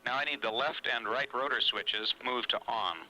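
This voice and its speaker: A man's very bright, forward voice comes over a space mission radio link with faint noise. He works as a ground controller, reading out procedure steps in a halting but encouraging, businesslike manner. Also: medium pitch, poor audio. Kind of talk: procedural radio communication, step-by-step instructions.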